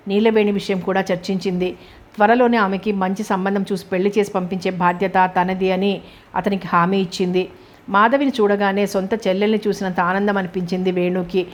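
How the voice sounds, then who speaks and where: A woman narrates a novel as an audiobook, reading aloud at a middle pitch. Her delivery is flat, even and steady, clearly following a script.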